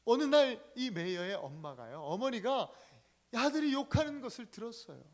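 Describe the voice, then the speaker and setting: A man's voice: extremely high pitch, very animated, normal speed. Emphatic male Korean church pastor. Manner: emphatic storytelling with sharp swings in loudness. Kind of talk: sermon.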